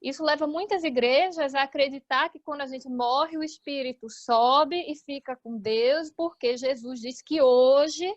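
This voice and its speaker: Brazilian woman, high pitch, dry sound, Bible study explainer. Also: unhurried, few pauses, no echo, muffled recording. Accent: Brazilian Portuguese. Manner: explanatory, reads verses aloud. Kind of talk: online Bible study teaching.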